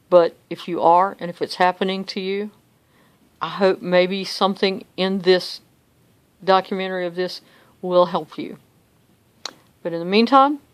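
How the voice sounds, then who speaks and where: A woman's voice: lowish voice, smooth. An older woman talks in a chatty, upbeat, self-joking way in a casual personal video diary. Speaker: vlogger.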